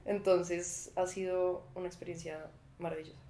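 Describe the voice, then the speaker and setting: Lowish-voiced Colombian woman, echoey room. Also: flat delivery, moderate pace, mellow. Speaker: musician in a women's collective. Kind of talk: casual, reflective interview talk.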